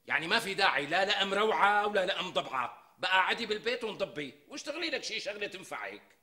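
A man's voice: high voice, sing-song, quick pace, pushed and bright, reverberant, heavily acted. An actor playing a browbeaten middle-aged husband with a Damascene Syrian accent, who rants bold speeches when he is alone in a TV sitcom. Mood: defensive. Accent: Damascene Syrian Arabic. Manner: rehearses bold speeches, mocking and ranting. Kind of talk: TV sitcom acting.

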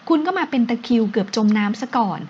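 A woman's voice: fairly high pitch, lively intonation, fast talker, darkish tone, breathy edge. A woman voicing a playful, sly young husband who talks in a coaxing, teasing way in an audio novel, in a dull lo-fi recording.

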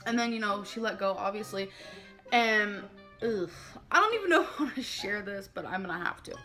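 A woman's voice: medium pitch, animated, moderate pace, sharp tone, faint music behind. A woman talking casually on a livestream, rambling and leaning on the word "like". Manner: rambling, heavy use of filler "like".

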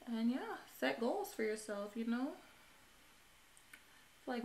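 A woman's voice: fairly high pitch, slight background noise. Upbeat chatty woman in echoey room. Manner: upbeat, chatty, lots of fillers. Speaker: beauty vlogger. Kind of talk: casual direct-to-camera chat.

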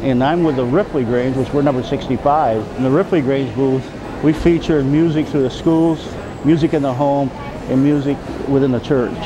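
A man from a community club speaking earnestly in an interview, halting with "uh". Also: medium pitch, rough recording. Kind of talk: casual interview.

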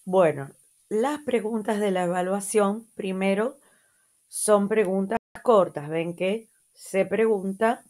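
A woman with an Argentine Spanish accent, teaching and reviewing English words for children patiently, checking in with soft "mm?" prompts. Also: medium pitch. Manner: slow, patient, repeats words and adds checking "¿mm?". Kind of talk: slow lesson review for children.

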